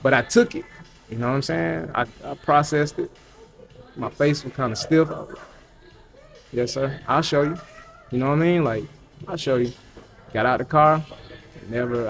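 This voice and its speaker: A man's voice: mid-range voice, fairly quick, creaky, soft background music. A man telling his own story in a candid, reflective chat, often acting out what others said. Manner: candid, slangy, reflective, tells in quoted dialogue.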